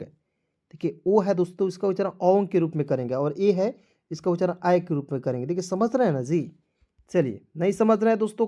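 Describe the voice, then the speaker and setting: Male English teacher, mellow voice, letter-by-letter spelling lesson, repeats each word, answers his own questions. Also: high voice. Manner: repetitive, asks questions and answers them himself.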